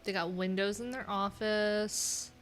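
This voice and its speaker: Faint music plays behind an unhurried woman whose medium-pitched voice is fairly bright with fairly even intonation. A middle-aged web developer, she hosts a casual live coding stream from a small home room, thinking aloud and reading from her screen with dry, offhand comments.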